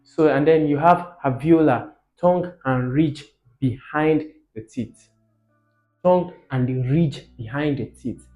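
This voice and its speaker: In a fairly high, slightly mellow voice and at a somewhat slow pace, a man explains a lesson didactically. He asks questions and repeats key terms to drive them home, while the muffled, echoey recording carries faint music underneath.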